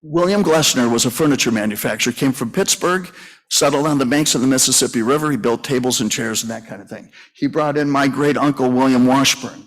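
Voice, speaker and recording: Guy in his 60s giving a breakout session talk, mid pitch, folksy and rambly, lots of uhs and restarts. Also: fairly quick. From Minnesota, US. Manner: folksy, rambling storytelling with many fillers and restarts. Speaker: funeral home owner and conference speaker. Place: conference session room.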